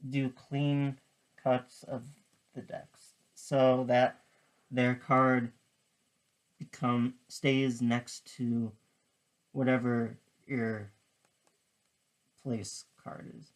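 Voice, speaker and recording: A tutorial presenter with a mid-pitched voice delivers casual card magician patter. The pace is slow, and the explanation comes step by step in halting little pieces. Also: low-quality recording.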